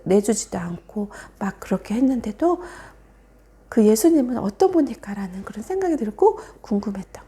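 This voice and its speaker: A woman telling a Bible story to children as a sermon, animated, often dropping to a soft whisper for emphasis. Her voice is high and mellow, and her pitch swings widely. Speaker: children's Sunday school preacher.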